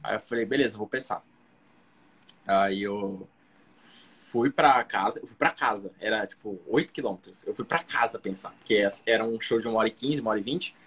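Husky young man telling a slangy story. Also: on the low side, moderate pace, soft background music. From Cuiabá, Brazil. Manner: slangy, animated storyteller who acts out the other people in his story. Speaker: guest comedian. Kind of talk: casual storytelling.

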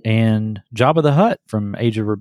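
A man's voice: lowish voice, normal speed, darkish tone, dry recording, studio quality. A man co-hosting a podcast in casual, informal chat. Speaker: podcast co-host. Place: basement.

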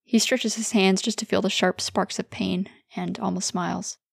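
A woman calmly reading fan fiction aloud as the narrator. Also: mid-range voice, moderate pace, vocal fry, no echo, clean studio sound.

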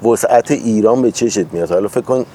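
Relaxed man with a Tehran accent. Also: fairly low pitch, slight background noise. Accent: Tehran Persian. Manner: relaxed, thoughtful, explains with examples. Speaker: host. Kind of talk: casual conversation.

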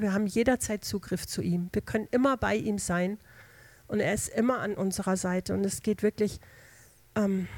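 A woman's voice: medium pitch, darkish tone, no room sound. A woman preaching an informal sermon in a conversational, homely way, drawing on everyday examples and often hesitating and restarting. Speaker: lay preacher.

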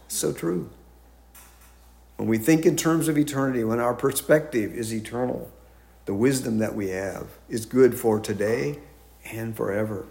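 A man preaching a sermon who reads scripture in old-fashioned wording and grows emphatic and loud on key points. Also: mid-range voice, gravelly. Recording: echoey room.

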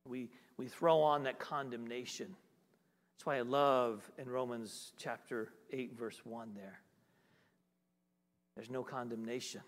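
A middle-aged male guest pastor giving a sermon, emphatic, swinging between loud and hushed. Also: medium pitch, fairly even intonation, unhurried. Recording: long hall reverb.

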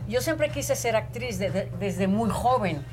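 A woman in her sixties, an actress, telling stories about her life in a lively, drawn-out way. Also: mid-range voice. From Portugal, raised in Israel. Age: 60s. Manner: animated, drawn-out storytelling, laughs easily. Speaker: actress, interview guest. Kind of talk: casual interview storytelling. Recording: music playing behind the voice.

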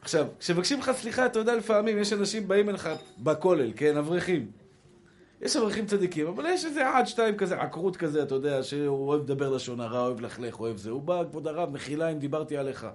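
A man's voice: a little high, expressive. A man with an Israeli Hebrew accent, a rabbi giving a sermon, animatedly acting out quoted dialogue and calling his listeners brothers.

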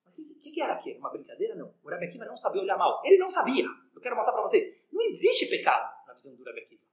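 Fast, animated rabbi teaching. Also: male voice, high-pitched. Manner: animated, questions the listeners. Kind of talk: lively religious lesson. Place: room with a live audience. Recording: echoey room.

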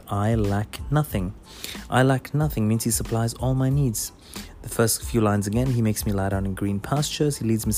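Low-pitched, mellow male preacher, relaxed and conversational, reads verses slowly. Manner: conversational, many fillers, slows down to read scripture. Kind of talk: devotional Bible teaching.

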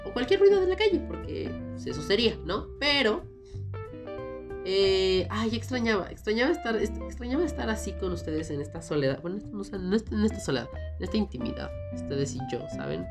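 A woman's voice: medium pitch, lively intonation, fast, hardly any pauses, music in the background. Rambling Mexican woman with a cold. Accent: Mexican Spanish. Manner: rambling, playful, self-mocking. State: has a cold, sore throat. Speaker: podcast host. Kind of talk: casual solo podcast chat.

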